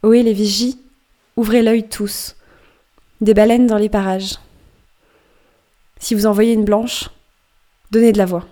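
A woman's voice: mid-range voice, flat delivery, a little slow, pauses often, dark tone, lightly acted. A woman reading an audiobook and voicing a stern old male sea captain who calls out orders to his lookouts. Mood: commanding. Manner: calling out commands.

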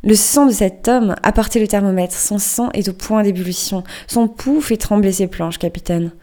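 A garrulous male ship's doctor, as a woman reads him in a storybook reading. He lectures with a knowing, anecdotal air. The tone is soft and mellow. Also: mid-range voice, moderate pace, lightly acted. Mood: alarmed.

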